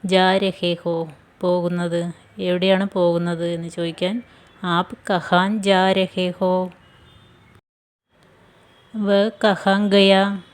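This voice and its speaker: A woman leads a scripted language lesson, drilling each phrase with careful repetition. She speaks very slowly in a fairly low, level tone that hardly rises or falls. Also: flat delivery. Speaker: language teacher.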